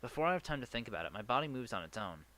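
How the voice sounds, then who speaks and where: A man of medium pitch reads aloud the first-person narration of a visual novel in his let's play, speaking very fast with earnest, lively energy and a few stumbles. Faint game music and slight background noise accompany him.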